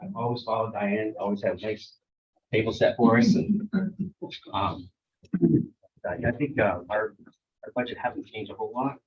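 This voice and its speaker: A man, a town recreation director, presents his budget at a council workshop, talking haltingly with many ums and restarts. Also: lowish voice, steady tone. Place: town meeting room. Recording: echoey meeting room, muffled sound.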